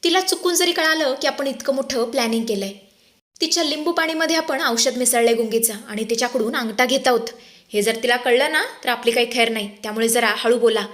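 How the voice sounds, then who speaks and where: A woman's voice: on the high side, a little fast, lightly acted. A woman voicing a bossy scheming mother-in-law. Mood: commanding. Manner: hushed, commanding.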